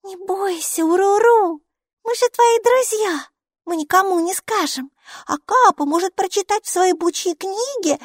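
Unhurried yet excited, a woman voices a very high-pitched, cheerful six-year-old girl whose chatter is full of eager questions. Her voice is pushed up for this audiobook character, and the clean studio recording has no echo.

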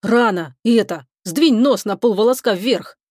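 A woman's voice: fairly high pitch, moderate pace, darkish tone, dry recording, clean studio sound, lightly acted. A woman voicing a blunt, grumbling, superstitious male crewman on a starship in an audiobook. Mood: gruff.

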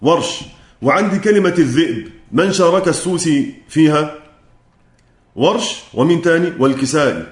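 A man with an Egyptian accent teaching a recitation class, chanting verse lines slowly and quizzing his students. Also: a little high, expressive, reverberant. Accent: Egyptian Arabic. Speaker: lecturer on Quran recitation. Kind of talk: classroom lecture.

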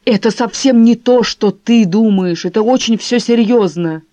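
A woman's voice: fairly high pitch, normal speed, mellow, dry recording, lightly acted. A woman voicing a nervous, evasive husband who snaps defensively. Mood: tense. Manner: tense, defensive, snapping. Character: nervous, evasive husband, middle-aged man. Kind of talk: audiobook character voice.

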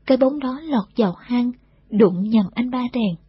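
Husky woman narrating a novel. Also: on the high side, moderate pace, dry recording. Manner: steady storytelling. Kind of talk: audiobook reading of a war novel. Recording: dull, dry recording.

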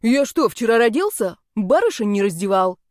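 A woman's voice: a little high, very animated, normal speed, a little mellow, no room sound, clean studio sound. A woman voicing a flamboyant, shameless male snake-man who gushes in theatrical, squealing exclamations. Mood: cheeky.

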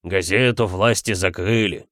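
A man's voice: low voice, unhurried, fairly bright tone, no room sound, studio quality. A man voicing a wine-drinking revolutionary poet and geologist who speaks with a slight burr on his r. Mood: glum.

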